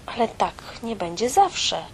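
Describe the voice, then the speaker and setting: A woman's voice: fairly high pitch, very animated, unhurried, slight background noise, voice pushed up. A woman playing a kind, eager little mouse. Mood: caring. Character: small kind eager female house mouse.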